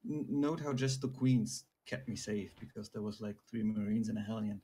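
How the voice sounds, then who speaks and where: A man's voice: fairly low pitch, moderate pace, dark tone, husky. A man from Germany explaining strategy as a guest player, often checking in with "right?". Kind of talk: casual game analysis.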